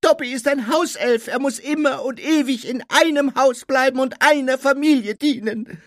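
A man voicing a small, servile male house-elf with a piercing squeaky voice who calls everyone sir. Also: normal speed, no echo, clean studio sound. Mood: anxious. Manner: calls everyone sir, refers to himself by name.

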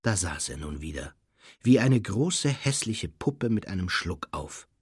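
A man narrating an audiobook with expressive storytelling. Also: deep voice, a little slow, slightly rough, no echo, clean studio sound. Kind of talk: scripted narration.

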